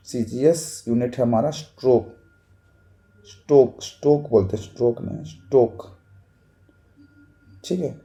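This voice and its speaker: A man's voice: medium pitch, mellow. A man giving a casual technical lesson, repeating terms and saying "thik hai" after nearly every point. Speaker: technical instructor.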